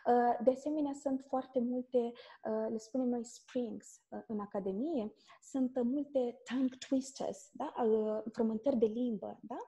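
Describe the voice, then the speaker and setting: A woman with a Moldovan Romanian accent, speaking as an English teacher in an interview. Her voice is mellow and sits a little high. She explains step by step and keeps tagging her sentences with a questioning "da?". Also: steady tone. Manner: keeps checking in with a quick "da?".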